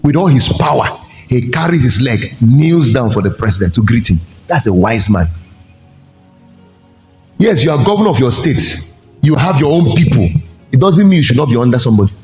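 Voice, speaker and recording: A man preaching a sermon as pastor, with animated delivery, sudden jumps in pitch and slow emphatic stretches. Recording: echoey hall with faint music.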